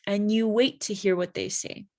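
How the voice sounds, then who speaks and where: A woman teaching an English lesson, explaining slowly and carefully and modeling example phrases for learners. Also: mid-range voice, fairly even intonation, gravelly, mellow. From United States. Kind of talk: slow classroom explanation.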